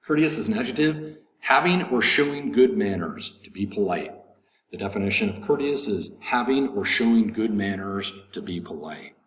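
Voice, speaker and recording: A man teaching English vocabulary, slowly repeating words and stressing syllables, with frequent ums. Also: mid-range voice. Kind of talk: vocabulary lesson recording. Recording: echoey room with faint noise.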